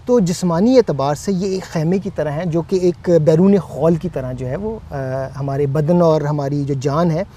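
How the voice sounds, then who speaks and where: A man co-hosting a Bible teaching talk, speaking in a measured way with frequent hesitant fillers. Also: on the high side, mellow. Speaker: co-host.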